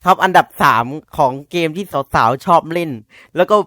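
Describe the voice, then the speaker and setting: A man's voice: high-pitched, normal speed, sharp tone, dry recording. A man playing a horror game, chatting to himself in casual commentary, jumpy and swearing when startled. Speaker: let's-play gamer.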